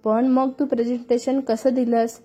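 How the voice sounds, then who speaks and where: A woman's voice: on the high side, level tone, moderate pace, mellow, lightly acted. A woman reading a story voices a cheerful young woman who teases her friend. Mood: teasing. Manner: amused, teasing.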